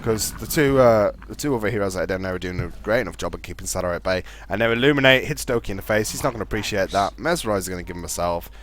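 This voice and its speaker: A man casting a live video game match, fast play-by-play with a fairly steady delivery. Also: on the low side, a little hiss or hum. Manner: fast, chatty play-by-play talking to co-caster; calls his own voice monotone. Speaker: esports caster.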